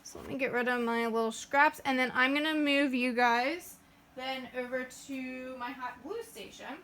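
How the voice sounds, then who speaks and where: A high-voiced woman talks through a sewing project step by step, chatty and relaxed, with plenty of fillers. Faint noise hums behind her. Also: moderate pace. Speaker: craft tutorial host. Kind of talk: casual sewing tutorial.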